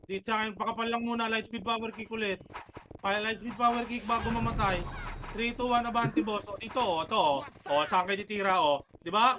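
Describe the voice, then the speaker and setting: A man leading his team in a game, calling out rapid countdowns and commands, cursing between calls. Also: sits high, background noise. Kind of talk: live team callouts while gaming.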